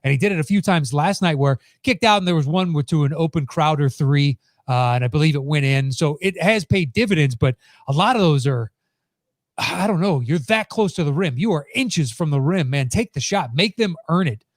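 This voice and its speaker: Male podcast host, slightly higher pitch, dry sound, conversational and blunt sports talk. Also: expressive, a little fast, no echo. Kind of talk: casual sports commentary.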